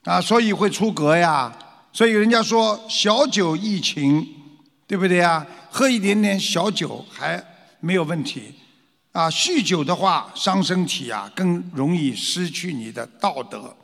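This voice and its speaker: Man, lecture, animated, rhetorical questions, acts out scared voices, lively pitch. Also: unhurried, creaky, in a large hall. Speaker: teacher of traditional culture. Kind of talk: lecture to an audience.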